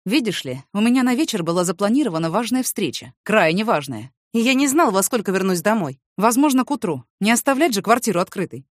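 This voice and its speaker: A woman's voice: mid-range voice, big pitch swings, fast talker, hardly any pauses, dry recording, clean studio sound. A woman voicing a blunt, teasing young male boxer who fires off mocking retorts.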